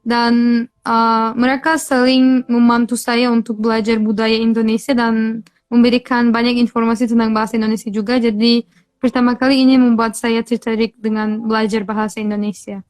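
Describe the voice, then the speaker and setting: A woman's voice: a little high, little pitch movement, normal speed, a little mellow. A woman from Turkey with a Turkish accent, answering interview questions casually in a foreign learner's simple phrasing. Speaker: interview guest, language learner.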